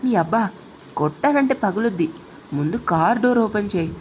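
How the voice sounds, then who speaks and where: A woman's voice: mid-range voice, animated, normal speed, a little mellow, slight background noise, natural voice. A woman voicing a stern young man who speaks curtly and scolds. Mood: gruff. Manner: curt, scolding.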